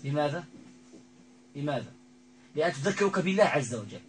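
A man's voice: a little high, big pitch swings, a little fast, low-quality recording. A man acting as a ruqyah healer, commanding and repeating himself as he addresses a spirit in an exorcism session, full of religious phrases.

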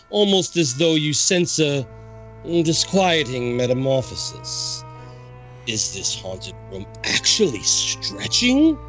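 Man voicing a drawling sinister ghost host, slow, swooping, theatrical cackler. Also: fairly high pitch, a bit bright, exaggerated voice. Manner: drawling, gloating, with cackling laughs. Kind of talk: amateur reenactment of a ride narration.

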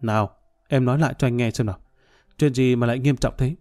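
A man voicing a sly, scheming middle-aged man who brushes off worries in a smooth, dismissive way, in a storybook reading. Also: mid-range voice, fairly even intonation, fast, darkish tone, soft background music, lightly acted.

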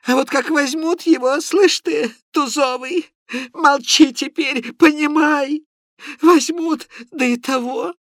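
A man's voice: very high-pitched, a bit bright, no room sound, clean studio sound, voice pushed up, heavily acted. A man voicing a sick, poor old clerk who rambles in broken phrases full of fillers. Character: sick, feverish, poor old male clerk, muddled and pleading.

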